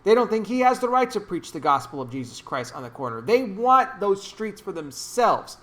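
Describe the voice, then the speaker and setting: A YouTube commentator delivers opinionated vlog commentary, emphatic, indignant, and preachy, repeating phrases to drive points home. His voice sits high with big pitch swings, at normal speed and a bit bright.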